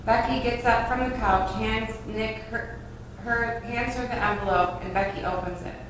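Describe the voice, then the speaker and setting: This woman, reading scripted stage directions aloud at a table read, has a fairly high voice and speaks at normal speed. The mic is distant, the room echoes, and a faint hiss of noise sits underneath.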